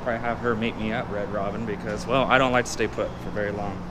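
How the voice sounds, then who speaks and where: A man's voice: fairly low pitch, little pitch movement, fast talker. A young man casually narrating a walking vlog to a handheld camera outdoors, in an easygoing, rambling way. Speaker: vlogger. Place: outdoors on busy city streets and a pier. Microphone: handheld camera at arm's length. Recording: loud outdoor street noise. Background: loud traffic and street noise.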